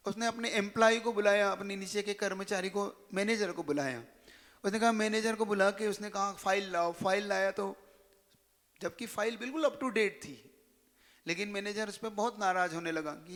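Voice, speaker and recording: A man's voice: high voice, a bit bright, in a large hall. A male preacher giving a sermon to young students. He tells stories and asks many rhetorical questions. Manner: storytelling, full of rhetorical questions. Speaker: religious preacher.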